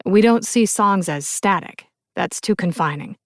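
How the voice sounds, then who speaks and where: A woman narrator voicing a laid-back young male rock musician in an audiobook, speaking calmly and softly. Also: mid-range voice, a little slow, no echo, studio quality, natural voice. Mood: earnest. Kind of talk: audiobook character voice.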